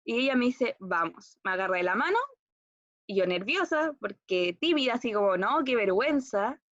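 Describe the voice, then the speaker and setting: A woman's voice: on the high side, animated, a little fast, a bit bright, dry recording. A young woman with a Chilean Spanish accent tells a personal story as a class monologue, hesitant and rambling with fillers and restarts. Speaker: acting student. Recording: dull, dry recording.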